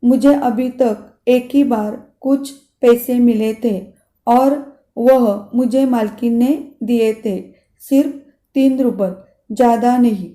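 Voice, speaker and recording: A woman's voice: a little high, slow, warm tone. A woman voicing a timid, frightened young governess who speaks meekly and tearfully, in an echoey room. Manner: meek and tearful.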